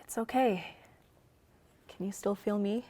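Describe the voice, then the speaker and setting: A woman playing a young woman facing her end together with her partner, speaking softly and tenderly in a drama reading. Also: mid-range voice, a little slow, close to an everyday voice. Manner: soft, tender, often hushed. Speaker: actor. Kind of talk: staged radio-style drama reading.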